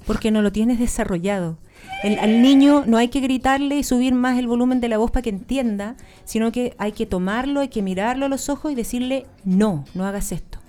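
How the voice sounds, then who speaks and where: A Chilean woman with a somewhat high, mellow voice talks through her ideas in a lively, explanatory way. She is a guest speaker in a relaxed interview. Soft music plays faintly behind her. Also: brisk. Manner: animated, explanatory. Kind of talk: casual interview chat.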